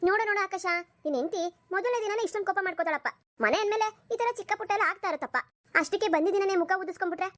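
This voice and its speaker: A woman's voice: extremely high pitch, rapid-fire, fairly bright tone, dry recording. A woman voicing a scolding mother-in-law. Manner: scolding, dismissive. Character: indulgent middle-aged mother-in-law. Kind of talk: cartoon voice acting.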